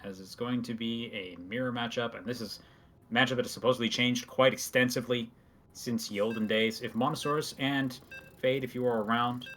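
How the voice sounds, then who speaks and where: A man's voice: medium pitch, fairly bright tone. A man casting a live video game match as host, chatty and explanatory as he breaks down the play. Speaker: esports caster.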